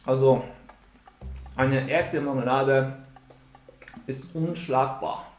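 A man's voice: medium pitch, steady tone, takes it slowly. A young man talking while chewing in a casual food vlog, savoring each bite with murmurs. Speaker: food vlogger. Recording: echoey room with music behind.

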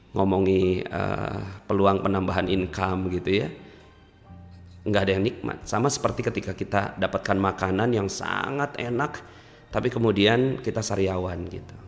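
Lower-voiced man telling stories in an echoing hall. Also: moderate pace, vocal fry. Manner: animated storyteller with sudden rises in pitch. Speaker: motivational speaker. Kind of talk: seminar talk with storytelling. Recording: hall reverb with faint background music.

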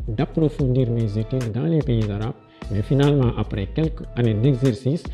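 A middle-aged education official with a Senegalese French accent answers interview questions as a guest, speaking from an indoor office with a large window into a lapel mic. His mid-range voice is creaky and warm. He halts, restarts and repeats words, growing livelier as he tells personal anecdotes.

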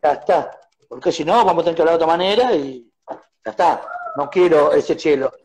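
A man with an Argentine accent, a musician guest speaking in a casual radio interview, telling his stories with animated acted-out exchanges. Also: fairly high pitch, fairly quick, crowd noise, low-quality recording. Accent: Argentine Spanish. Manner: animated storyteller acting out phone quarrels. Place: radio studio.

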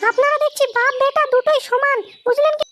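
A woman's voice: fairly even intonation, quick pace. A woman voicing an angry, nagging young wife who scolds her husband in a cartoon. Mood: scolding. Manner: scolding, shrill, demanding. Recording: loud background music.

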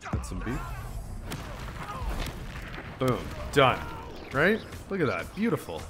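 A man's voice: mid-range voice, huge pitch swings, takes it slowly, music in the background. A man hosting a gaming channel, giving casual let's-play commentary in a profane, joking way. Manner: profane, joking, laughs at himself.

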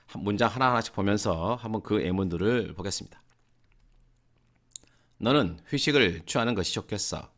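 Man, English teacher, online lesson, low voice, slow careful English examples. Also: a bit bright. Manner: slow, deliberate English examples between casual Korean explanations. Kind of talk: online lesson explaining grammar.

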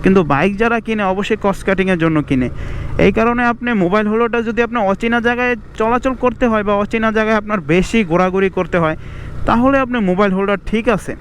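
A young man with a Bangladeshi Bengali accent, vlogging casually outdoors in fast, chatty talk mixed with English words. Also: high-pitched, a little hiss or hum. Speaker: motovlogger. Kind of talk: casual outdoor moto vlog. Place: outdoors by a roadside.

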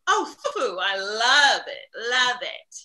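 A woman's voice: a little high, very animated, slow, bright, forceful tone, exaggerated voice. An actress playing a flirtatious wealthy lady of the house in a comedic play read over a video call, bawdy and giggly. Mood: flirty.

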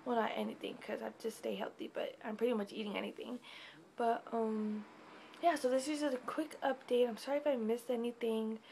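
A woman's voice: fairly high pitch, fairly even intonation, fairly quick, vocal fry, a little mellow, slight background noise. A tired young woman giving a casual, rambling pregnancy update vlog at home, with many fillers. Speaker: vlogger.

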